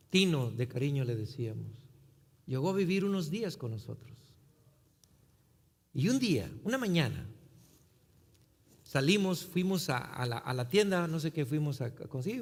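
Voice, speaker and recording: Lively pastor in a reverberant hall. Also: male voice, fairly high pitch. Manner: animated storyteller, acting out voices in his tale. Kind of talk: sermon storytelling.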